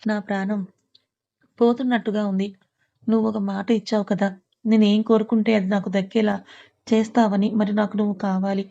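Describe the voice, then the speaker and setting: A woman voicing a grieving young woman who pleads tearfully and softly at a loved one's bedside. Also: mid-range voice, little pitch movement, moderate pace, gravelly, long pauses, lo-fi sound, natural voice. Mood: pleading.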